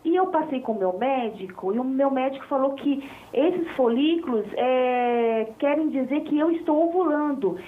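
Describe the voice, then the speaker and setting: A woman's voice: high voice, lively intonation, normal speed. A woman in her forties calling in over the phone to ask a doctor a question, speaking hesitantly. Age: 40s. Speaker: caller. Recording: tinny phone line.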